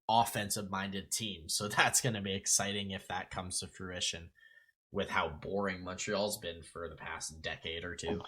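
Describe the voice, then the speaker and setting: A man co-hosting a casual sports podcast, animated and quick to laugh. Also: sits low. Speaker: podcast co-host. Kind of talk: casual hockey podcast chat.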